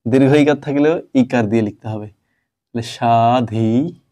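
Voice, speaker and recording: A man's voice: mid-range voice, fast talker, mellow. A male teacher giving a step-by-step grammar lesson, stopping often to ask his class questions.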